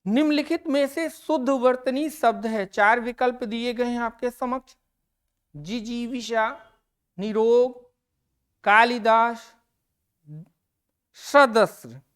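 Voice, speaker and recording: A woman teacher walks students through an exam-prep grammar lesson, reading each question and its options. Her voice is smooth and clear, pitched a little high, and she goes slowly and deliberately, repeating every answer word to stress it. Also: steady tone.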